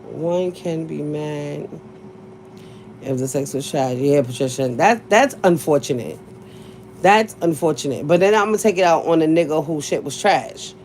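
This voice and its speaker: A woman's voice: sits low, unhurried, a little mellow, slight background noise. A woman hosting a live stream, chatting with viewers in a blunt, profane way, laughing often. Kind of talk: casual livestream chat with viewers.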